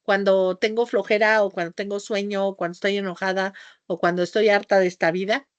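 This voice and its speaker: Loud, theatrical woman teaching. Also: little pitch movement, a little fast, no room sound, dull audio. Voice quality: high-pitched voice, calls it a squeaky off-key whistle. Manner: theatrical, shifts her tone, talks loudly; scattered, jumps between topics with tangents. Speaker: homeopathy teacher. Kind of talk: lecture to a class.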